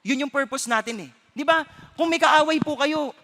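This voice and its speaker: A male preacher gives a sermon full of personal anecdotes and acts out the voices in his stories. His voice sits very high and sounds bright and sharp. It rings out with a long reverb, as in a large hall. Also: normal speed, slight background noise. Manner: animated storytelling, acting out voices, mixing Filipino and English.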